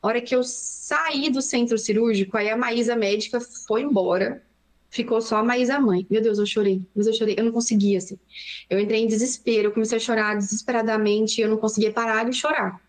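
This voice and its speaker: A young adult Brazilian woman, a pediatrician, recounting a frightening story in an interview with fast, emotional narration. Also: fairly high pitch, steady tone. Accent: Brazilian Portuguese. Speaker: pediatrician guest.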